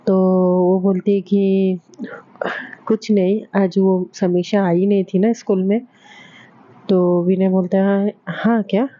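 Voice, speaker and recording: A woman's voice: mid-range voice, flat delivery, slow pace, no echo. A woman telling a love story casually, stringing events together with repetitive linking phrases, on a dull lo-fi recording.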